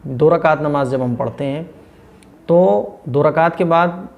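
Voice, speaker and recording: A man teaching the correct pronunciation of prayer phrases, asking questions and answering them himself, stretching each phrase out slowly and repeating it. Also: a little high. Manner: drawls Arabic phrases syllable by syllable. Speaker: religious teacher.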